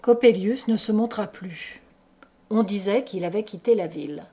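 A woman narrating a gothic tale aloud in a slow, measured, dramatic reading. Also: mid-range voice, dark tone, breathy edge. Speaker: audiobook reader. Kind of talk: literary audiobook narration.

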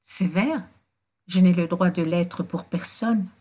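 A woman's voice: lowish voice, takes it slowly, mellow, breathy edge. A woman voicing a compassionate young wife who pleads earnestly in a storybook reading. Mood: indignant.

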